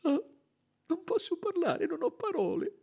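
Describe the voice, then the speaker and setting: A man reading an audiobook and voicing a distraught woman, a nanny, speaking high and crying. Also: wildly swooping pitch, unhurried, creaky, darkish tone, full character voice. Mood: sobbing. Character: weeping Swedish nanny, woman.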